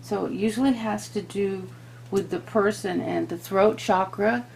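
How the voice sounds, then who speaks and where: A woman hosting a tarot reading speaks earnestly to viewers and to spirit, shifting between reading aloud and informal asides. Her medium-pitched voice is unhurried, creaky and darkish, and it is giving out, with throat-clearing. Slight background noise is present.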